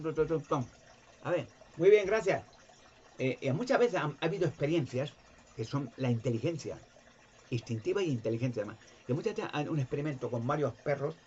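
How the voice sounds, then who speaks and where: A man giving an impassioned religious monologue, animated, acting out voices and sounds. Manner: animated, jumps in pitch to act out voices and sounds. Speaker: video presenter. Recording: dull lo-fi recording.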